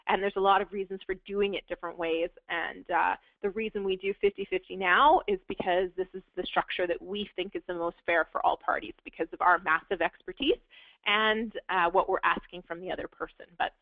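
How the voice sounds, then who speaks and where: Over dry, echo-free, phone-like webinar audio, a woman with a fairly low voice and fairly even intonation talks briskly about real estate investing. Her voice is wearing thin as she explains at length, often restarting and using fillers.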